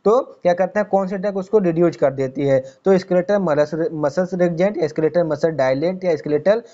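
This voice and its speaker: Man teaching pharmacy with a mellow voice. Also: sits high, lo-fi sound. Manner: reads English questions slowly, then explains in rapid Hindi with rhetorical questions. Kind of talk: exam-prep lecture explaining multiple-choice answers.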